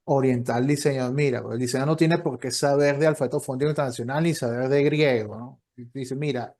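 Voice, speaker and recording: A man's voice: medium pitch, fairly even intonation, quick pace, darkish tone. A man, a professor and copy editor, giving an online lecture in a conversational, explanatory way, acting out short dialogues along the way. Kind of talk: online lecture with audience questions.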